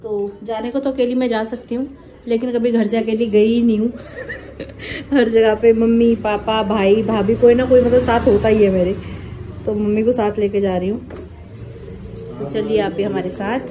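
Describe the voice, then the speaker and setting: A woman vlogger with a somewhat high voice chats through her day and teases with question after question. She is recorded on a handheld phone. Faint noise sits behind her voice. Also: steady tone, normal speed. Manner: chatty, teasing, asks many questions. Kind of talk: casual daily vlog narration. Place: at home and out running errands.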